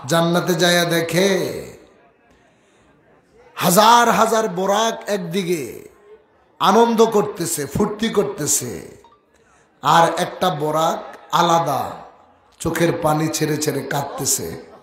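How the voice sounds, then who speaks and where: A man preaching a sermon, telling a story slowly and shouting out to the crowd. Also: a little high, expressive, echoey room. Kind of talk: religious sermon.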